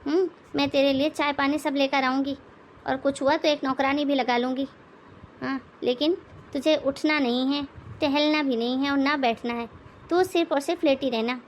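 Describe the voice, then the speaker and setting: A woman voicing an outspoken elder daughter-in-law in an animated moral story, lecturing and sarcastic. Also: high voice, moderate pace, a little hiss or hum, natural voice.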